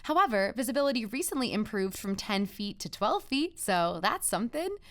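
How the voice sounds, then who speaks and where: A woman's voice: fairly high pitch, sing-song, moderate pace, fairly bright tone. A woman playing a chatty, self-deprecating radio host of the apocalypse in a scripted comedy, with a wry, awkwardly upbeat manner. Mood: upbeat deadpan.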